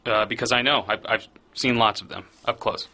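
A clueless designer, played by a man, delivers awkward lines flatly. His voice is bright and clear. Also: on the low side, moderate pace. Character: goofy clueless male ad designer.

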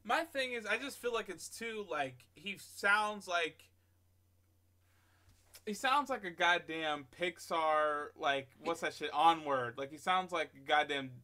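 A man co-hosting a casual chat, excitable and rambling, swearing casually. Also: on the high side, measured pace. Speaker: podcast co-host. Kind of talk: casual chat reacting to a trailer.

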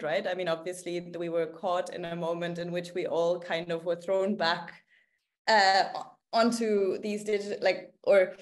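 A woman in her thirties speaking on a video call in an academic panel discussion, thoughtful and hesitant, with many fillers and restarts. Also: on the low side. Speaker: keynote speaker. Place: home room, indoors.

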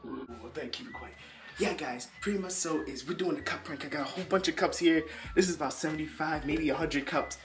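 A man's voice: fairly high pitch, fast, hardly any pauses, fairly bright tone. A young American man in casual vlog chat, talking in slangy frat-bro style, recorded on a distant camera mic indoors. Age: young adult. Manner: frat-bro slangy, calling people bro and dude. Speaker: prank video host. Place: indoors in a house hallway and stairway. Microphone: handheld camera, varying distance. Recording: roomy, distant handheld mic, music behind.

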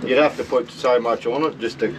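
A man's voice: mid-range voice, fairly even intonation, fairly quick, noisy background. A middle-aged Australian man plainly explaining a boat repair as he works, bent over a floor hatch in a small boat cabin. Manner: plain, practical explaining while working. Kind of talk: hands-on work demonstration.

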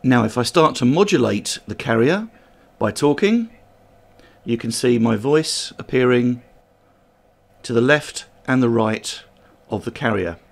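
A man's voice: medium pitch, expressive, unhurried, long pauses. A man giving a friendly, step-by-step tutorial on amateur radio. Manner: plain, friendly step-by-step explaining, speaking test counts on air. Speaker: amateur radio course instructor. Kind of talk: explanatory tutorial narration.

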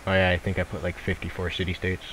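A man's voice: sits low, completely flat delivery, fast. A young man chatting during an online multiplayer strategy game, thinking aloud in a hesitant way with many fillers. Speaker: multiplayer gamer. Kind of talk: casual game chat. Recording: voice chat with clear background noise.

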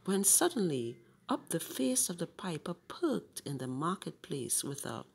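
A woman reading a long poem aloud as a bedtime story, expressive and sometimes dropping to a whisper. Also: on the low side, a little slow, gravelly, slightly rough.

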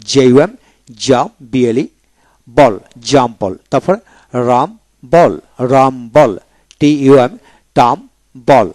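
A man's voice: mid-range voice, darkish tone, no echo. Dry-voiced man drilling pronunciation. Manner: spells words letter by letter, then repeats each slowly twice. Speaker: English pronunciation teacher. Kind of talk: slow spelled-out pronunciation drill.

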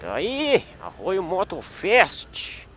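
A man's voice: high voice, huge pitch swings, very slow, pushed and bright, slight background noise. A man speaking, vlogging outdoors at a motorcycle meetup and teasing friends in a joking mock confrontation. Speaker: motovlogger. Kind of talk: casual vlog chat.

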